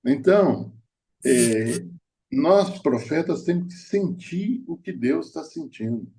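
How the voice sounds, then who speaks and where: Man preaching with storytelling warmth. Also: on the high side, expressive, slow pace, creaky. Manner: storytelling, hesitant restarts, laughing at own stories. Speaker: prophet preacher. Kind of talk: sermon.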